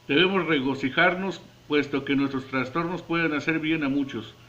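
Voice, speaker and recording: A man earnestly reading a devotional Bible commentary at a measured pace, with occasional stumbles, closing in prayer. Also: fairly high pitch, fairly even intonation, fairly bright tone, dull audio. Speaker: devotional preacher.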